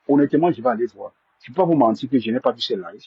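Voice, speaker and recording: A man's voice: mid-range voice, expressive, racing, breathy edge, dry recording, muffled recording. A man hosting a live stream, stammering and repeating himself as he defends himself to viewers. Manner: indignant, defensive.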